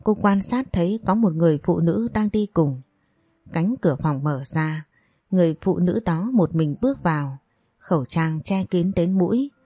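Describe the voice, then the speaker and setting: A woman reading a dramatic story in a steady narrative voice. Her tone is low and dark. The recording is dry and close. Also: moderate pace, no echo.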